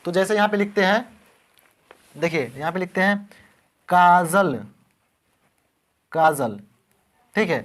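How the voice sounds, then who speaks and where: A man's voice: sits high, a little fast, pauses often, a bit bright. A man teaching beginners how to spell words, patiently repeating each word and asking the class questions.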